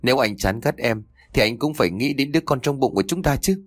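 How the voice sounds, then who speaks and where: A man's voice: mid-range voice, lively intonation, fast talker, breathy edge, dry recording, clean studio sound. A man voicing a desperate young pregnant wife, pleading in anguish in a storybook reading.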